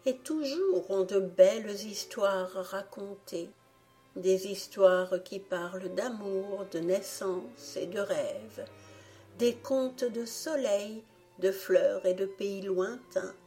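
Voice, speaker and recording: A woman voicing a shy old box bed that speaks in a small, hushed, half-whispered voice. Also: medium pitch.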